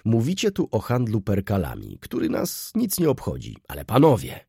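Guy doing a whiny aggrieved nobleman in an audiobook, husky voice, dry sound. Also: on the low side, wildly swooping pitch, normal speed, warm tone, dry recording, voice pushed up, exaggerated voice. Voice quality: plaintive, whining. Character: tearful, aggrieved middle-aged country nobleman.

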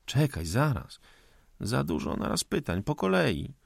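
A man voicing a calm, reproving older man who answers curtly in an audiobook reading. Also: mid-range voice, measured pace, vocal fry, dry recording, studio quality, exaggerated voice.

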